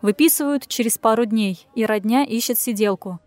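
A woman reading an audiobook puts on a caring, bossy young friend who nags and insists. Her voice sits slightly above the reader's own middle pitch, close and dry, with no room echo. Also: normal speed, a little mellow, some chatter behind, close to an everyday voice. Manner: insistent, scolding.

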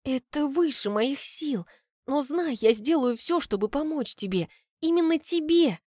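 A woman's voice: high voice, lively intonation, measured pace, darkish tone, no room sound, clean studio sound, voice pushed up. A woman voicing a spirited, stubborn young noble girl who speaks impulsively and emotionally. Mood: tender, tearful.

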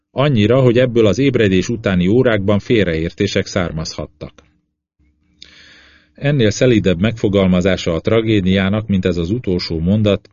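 A man calmly narrating a science fiction audiobook. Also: fairly low pitch. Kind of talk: scripted novel narration. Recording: slightly dull lo-fi audio.

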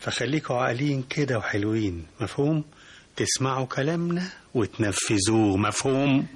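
An actor playing a cold, commanding gang leader in an old radio drama, with an Egyptian accent and a curt, threatening manner. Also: male voice, mid-range voice, lively intonation, moderate pace, breathy edge. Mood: menacing. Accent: Egyptian Arabic. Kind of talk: vintage radio drama acting. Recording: noisy old radio tape.

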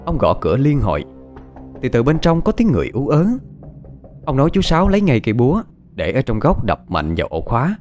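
A man's voice: medium pitch, a little mellow. A man narrating a horror story in a dramatic, suspenseful way.

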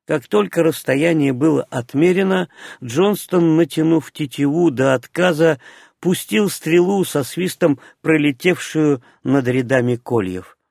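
A man narrating an adventure story in a steady, scripted audiobook reading. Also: on the high side, measured pace, gravelly, dry recording, studio quality.

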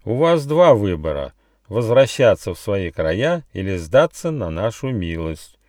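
A man's voice: on the low side, big pitch swings, unhurried, darkish tone, dry recording, studio quality, distant mic. A man voicing a stern, solemn female kangaroo who leads the natives. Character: grumpy female kangaroo leader.

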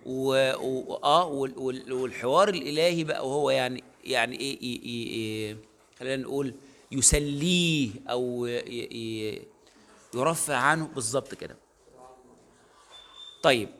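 A man's voice: medium pitch, fairly bright tone. A male university lecturer with an Egyptian accent, explaining casually with many fillers and self-corrections. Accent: Egyptian Arabic. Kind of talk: recorded online lecture.

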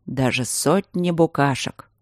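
Woman doing a calm, teasing male mage. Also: low-pitched, slow pace, no room sound, clean studio sound. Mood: quiet teasing. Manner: patient, gently mocking, lecturing.

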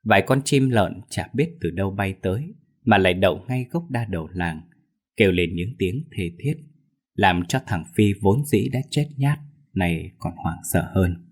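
A man reading a ghost story aloud in a steady, measured storyteller voice. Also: sits low, slightly rough. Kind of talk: scripted ghost story narration.

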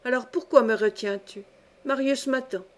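Woman reader as a mad young widow in an audiobook: feverish, rambling, higher voice. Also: close to an everyday voice. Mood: fierce. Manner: rapid, feverish, crying out curses. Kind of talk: audiobook reading.

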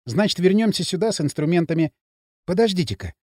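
A man voicing a calm clever girl. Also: high-pitched, fast talker, dry recording, studio quality. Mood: patient. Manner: patient, reasoning.

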